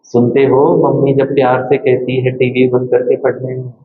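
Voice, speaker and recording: A man giving a spiritual talk to a live audience, slow and playful, acting out scolding mothers and children. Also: mid-range voice, completely flat delivery, a little hiss or hum. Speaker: spiritual speaker. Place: meditation center hall. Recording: echoey hall, slightly dull sound.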